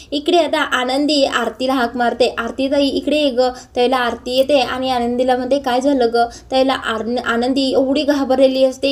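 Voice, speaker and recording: A woman narrating a casual recap of a TV serial episode in a steady storytelling manner, as a home voice-over. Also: high voice. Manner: steady storytelling with frequent "now, here" links.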